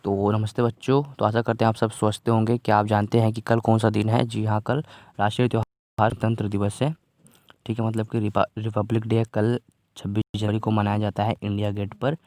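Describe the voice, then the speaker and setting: A man with a lowish voice walks children through a worksheet in an easygoing online lesson. He keeps his pitch steady and flat, repeating phrases patiently and checking they follow along. The sound is dry and close, with no room around it. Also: fairly quick, no room sound. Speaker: teacher explaining a worksheet.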